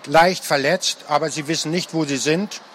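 A man reading a story aloud in an expressive, dramatic way, as an author reading his book. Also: fairly high pitch, normal speed, slight background noise.

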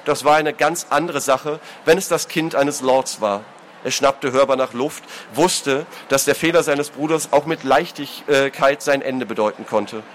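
A man's voice: medium pitch, a little slow, a little hiss or hum. A man reading a fantasy novel aloud, with occasional stumbles and self-corrections. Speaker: audiobook reader.

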